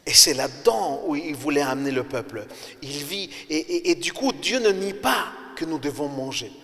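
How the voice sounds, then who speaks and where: A man's voice: a little high, lively intonation, normal speed, pushed and bright. Man preaching in an echoing church hall. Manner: emphatic, rising sharply on key words; conversational, addresses listeners directly. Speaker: pastor. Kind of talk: sermon.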